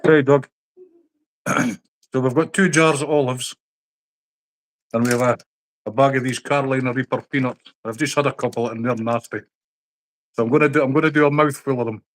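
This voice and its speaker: A man's voice: mid-range voice, fairly even intonation, moderate pace, pauses often. Blunt, sweary man bantering. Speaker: host. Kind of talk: casual chat on a livestream.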